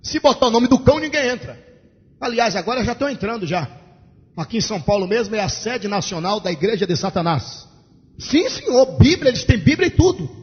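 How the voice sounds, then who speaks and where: High-voiced pastor preaching fervently. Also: male voice, lively intonation, brisk, husky. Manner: fervent preaching, rising to shouts. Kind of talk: storytelling sermon. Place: large church. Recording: echoey church hall, dull lo-fi sound.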